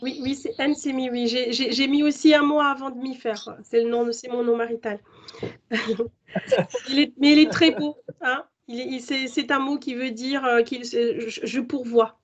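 A woman's voice: high voice, steady tone, normal speed, a little hiss or hum. Stammering woman in her forties. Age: 40s. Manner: stammers, repeats words. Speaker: webinar participant. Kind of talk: casual online meeting chat. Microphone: video call. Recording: dull lo-fi video call audio.

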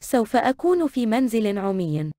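A woman reading short translated travel phrases in a brisk, plain delivery. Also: fairly high pitch, very animated, warm tone, no room sound, clean studio sound.

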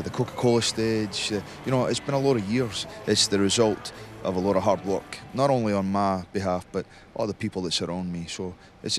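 A man being interviewed, talking in a relaxed, rambling way with many fillers, recorded outdoors at a festival. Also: low-pitched, noisy background. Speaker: interviewed singer. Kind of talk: casual interview.

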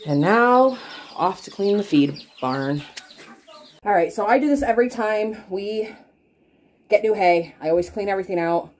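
A homestead vlogger in her thirties chats through her farm chores around the barn and farmyard outdoors, filming on a handheld phone. Her medium-pitched, darkish voice has lively intonation and a moderate pace, and the recording carries a little hiss or hum. She explains each step in a practical way.

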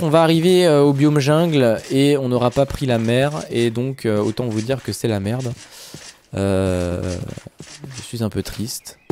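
A young man chatting casually to viewers while playing a survival game, animated, with high exclamations and drawn-out words. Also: slight background noise. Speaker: gaming video host. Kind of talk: casual Minecraft let's play commentary.

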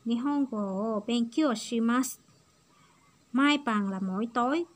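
A woman's voice: on the high side, a little slow. A woman giving a patient, step-by-step online language lesson. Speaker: Japanese language teacher.

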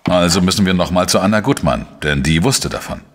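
In a German crime radio play mixing narration and dialogue, a shrewd, dry investigative journalist narrates his case with a very low, husky, animated voice in reverberant sound. His delivery is measured, explanatory and matter-of-fact, reflecting careful reasoning.

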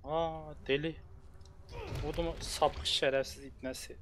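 A man streaming a horror game, chatting casually to himself, reacting loudly and swearing often. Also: a little high, a little slow, slight background noise. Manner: excitable, swears often, talks to himself while playing. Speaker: gamer streamer. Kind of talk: casual let's-play commentary.

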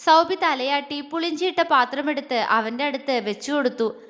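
A woman storyteller giving a scripted audio story narration in an expressive, measured way. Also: high voice, in a large hall.

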